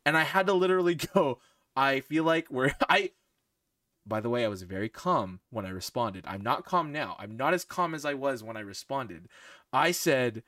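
A man's voice: medium pitch, normal speed, no room sound, clean studio sound. Man retelling a mix-up in mock outrage. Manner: animated, mock-exasperated storytelling. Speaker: podcast host. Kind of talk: casual chat among friends.

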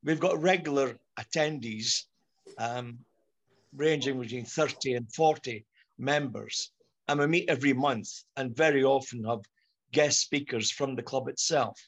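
A middle-aged Scottish man with a mid-range voice appears as a guest on a podcast discussion. He speaks in a measured, articulate way.

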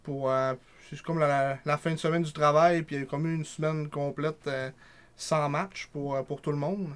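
A man's voice: fairly high pitch, steady tone, normal speed, smooth. A man with a Quebec French accent co-hosting a podcast in casual, joking, hesitant conversation. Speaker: podcast co-host. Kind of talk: casual chat.

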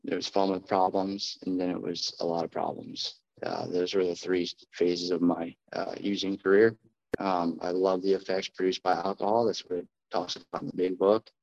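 A deep-voiced American man talks in front of an audience, giving personal testimony. His delivery stays fairly flat and unadorned, with halting phrases. The recording is dull and lo-fi. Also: gravelly. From New Jersey, United States. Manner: addressing a live group, plainspoken, halting. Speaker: speaker at a recovery meeting.

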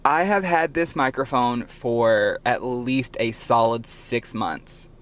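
A man's voice: mid-range voice, slow pace, fairly bright tone. A young man co-hosting a casual podcast, telling stories and correcting himself as he goes, into a budget microphone. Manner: chatty, self-correcting storyteller. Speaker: podcast co-host. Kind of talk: casual chat.

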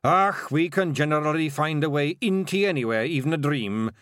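A man's voice: on the high side, expressive, measured pace, fairly bright tone, no room sound, studio quality, pitched above the performer's own voice. A man voicing a boastful little male pixie chieftain with a Scottish accent. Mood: gruff.

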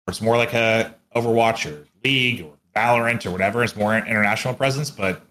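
With a fast, fairly bright voice on the low side, this man co-hosts a podcast alongside his esports commentary work. His chat is loose and blunt, heavy on profanity and everyday slang.

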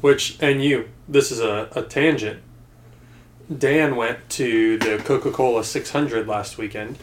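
A man hosting a relaxed podcast conversation, playful and always ready with a teasing jab. His voice sits at an ordinary mid-range pitch, and he lets the talk wander freely. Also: a little hiss or hum. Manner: playful, quick to tease and riff on guests. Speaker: podcast host. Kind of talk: casual chat.

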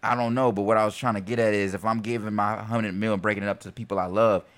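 A young man from North Carolina co-hosting a casual podcast, talking in relaxed slang and getting loud and laughing when he's excited. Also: fairly low pitch, fast. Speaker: podcast co-host. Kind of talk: casual chat.

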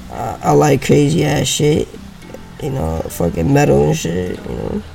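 A man's voice: fairly high pitch, big pitch swings, unhurried, gravelly, loud music behind the voice, poor audio. A young man from Brazil talking like a frat bro in slangy, sweary, casual podcast chat. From Brazil, South America. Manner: frat-bro talk, heavy swearing, "bro" and "you know" tags. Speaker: podcast host.

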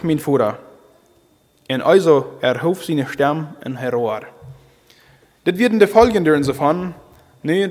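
Man, preacher, halting delivery, slightly high voice, long hall reverb. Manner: halting, repeats and restarts phrases. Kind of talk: sermon.

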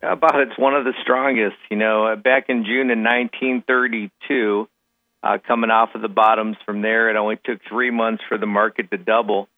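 A man's voice: fairly low pitch, little pitch movement, normal speed, no echo. Phone-line man giving market commentary. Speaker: financial market analyst guest on a radio show. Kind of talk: market commentary, conversational radio talk. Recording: tinny, narrow phone-like line.

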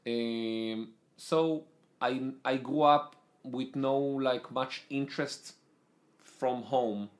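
A young man speaks as a podcast guest with an Israeli accent, his first language Italian and then Hebrew. His medium-pitched voice is fairly even in intonation, with drawn-out words. He talks casually but hesitantly, filling with lots of "like," and his grammar is slightly non-native.

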